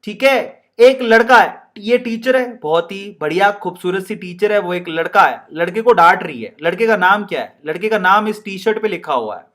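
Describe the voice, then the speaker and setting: A man's voice: sits high, lively intonation, normal speed, hardly any pauses, a bit bright. A man teaching chemistry in a playful way, with laughs, mnemonic chants and questions to the class. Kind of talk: online lecture.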